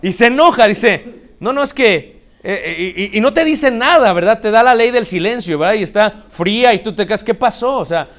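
Male preacher, high voice, playful storytelling sermon. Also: a little fast. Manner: animated, acts out couples' dialogue with humor.

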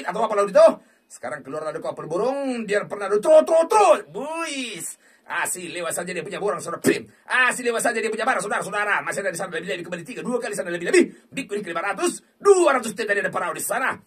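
A loud, excitable man calls the game as he plays. His voice sits high and swings wildly up and down, with a husky edge. He sounds a little away from the mic. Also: rapid-fire. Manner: rowdy, shouting, crude teasing banter. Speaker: slot game streamer. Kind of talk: excited gaming commentary. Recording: voice distant from the mic.

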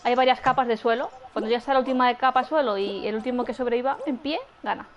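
Excitable high-voiced woman gaming. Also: fast talker, muffled recording, a little hiss or hum. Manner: excitable, cheering and groaning at the game. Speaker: gamer streamer. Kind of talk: casual gameplay chat with friend.

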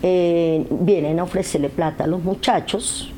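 Older woman witness, halting testimony, low-ish warm voice, living-room interview. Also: steady tone, a little hiss or hum. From Colombia and Venezuela. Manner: hesitant, many fillers and restarts. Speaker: interviewee, aid volunteer.

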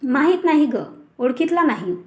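A worried, honest office clerk who talks in hushed, torn tones, as a woman storyteller puts him on. The voice sits high and bright. It is read as part of a storybook tale. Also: animated, moderate pace, dull audio. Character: struggling honest middle-class male clerk, anxious.

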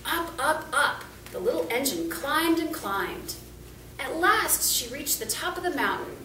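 Seated in a small room some distance from the camera, a middle-aged volunteer reads a children's picture book aloud with a high, sing-song, sharp voice, going a little slowly. The distant camera mic picks up a roomy sound and faint noise.

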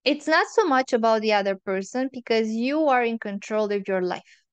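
A woman hosting a relationship advice monologue, earnest and opinionated, laying out her points in measured lists. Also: on the high side, lively intonation, smooth, no echo.

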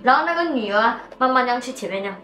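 A woman hosting a show and telling a ghost story casually, animated and mixing in English words. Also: a little high, racing. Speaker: host and storyteller. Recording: echoey room with faint music.

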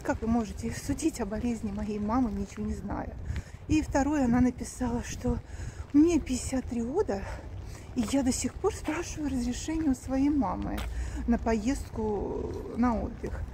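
A woman's voice: on the high side, moderate pace. A woman in her fifties talking earnestly straight to her viewers in a casual walking vlog, filmed on a phone held at arm's length outdoors. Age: 50s. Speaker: vlogger. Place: outdoors, street and cemetery. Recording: noisy outdoor phone recording.

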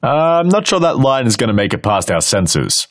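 A man's voice: mid-range voice, very animated, brisk, no echo, studio quality. A man narrating a scripted educational explainer with playful, wry asides. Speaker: host and narrator.

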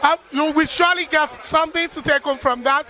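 A Nigerian woman presenting live from a busy event, excited and gushing with praise as she interviews guests. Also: high-pitched, fairly quick. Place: busy salon during a launch event.

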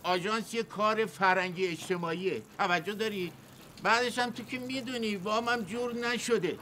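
A man's voice: high-pitched, sharp tone, slight background noise. A man playing a retired father who scolds and complains about money. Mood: grumbling. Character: grumbling retired father fretting over money. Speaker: retired office worker, father. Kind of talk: TV sitcom acting.

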